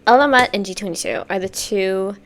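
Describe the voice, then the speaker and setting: A woman giving a casual, campy, sassy music video reaction, gushing and swinging between loud exclamations and hushed asides. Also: mid-range voice, brisk. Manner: swings from sudden loud outbursts to near-whispered asides.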